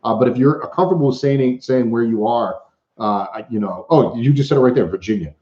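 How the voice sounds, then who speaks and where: A man hosting a casual live Q&A, reading viewer comments aloud with frequent halting restarts. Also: medium pitch, warm tone. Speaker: livestream host. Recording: roomy, dull lo-fi livestream audio.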